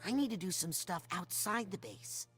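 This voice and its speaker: A woman's voice: on the low side, animated, normal speed, soft background music, close to an everyday voice. A woman voicing an earnest, hesitant young boy psychic agent in a video game. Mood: urgent.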